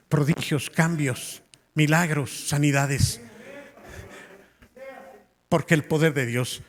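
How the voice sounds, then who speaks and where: A male pastor preaching a sermon in a church hall, telling a story with passion and sometimes rising almost to a shout. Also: on the high side. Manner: impassioned, rising to near shouts in retold scenes. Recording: long reverb of a large hall.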